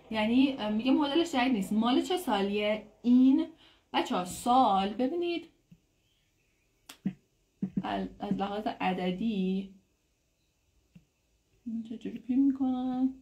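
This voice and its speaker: A woman who speaks Persian natively, giving a casual English lesson, explaining in a chatty way and saying English phrases slowly and clearly. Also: fairly high pitch, a little mellow. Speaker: English teacher. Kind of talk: casual online language lesson.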